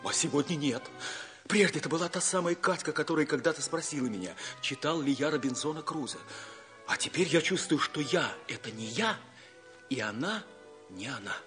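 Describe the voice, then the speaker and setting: A man's voice: on the high side, fairly quick, faint music behind. An actor playing an earnest, romantic young man in a theatrical old radio drama style. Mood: hushed, confiding. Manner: theatrical, declamatory, expressive. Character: Sanya, earnest, romantic young man telling his life story.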